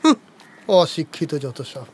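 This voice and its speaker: A man's voice: high voice, lively intonation, moderate pace, crowd noise, background noise. An actor playing a snobbish city man who is polite to a villager's face and then mutters contempt about him. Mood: sneering. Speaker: city passer-by. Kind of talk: comic film acting.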